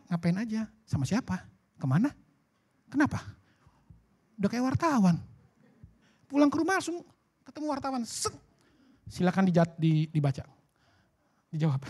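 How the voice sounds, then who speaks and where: A man preaching. His pitch swings up and down a lot as he talks, and he keeps the sermon casual and chatty, slipping into bits of acted-out dialogue. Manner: lively, colloquial, acts out dialogue. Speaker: pastor. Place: church worship service.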